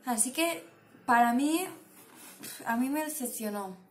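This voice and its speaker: A young woman with a Castilian Spanish accent rambles casually to the camera as a book vlogger, from a small room at home. Her high voice is expressive and unhurried, and the echoey room carries clear background noise.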